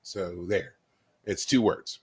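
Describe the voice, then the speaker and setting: A man co-hosting a casual podcast chat who retells favorite scenes with mounting energy. He gets excited and punctuates his stories with loud bursts. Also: deep voice, takes it slowly, breathy edge. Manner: animated storyteller, acts out scenes with loud exclamations. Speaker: podcast co-host. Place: live podcast recording.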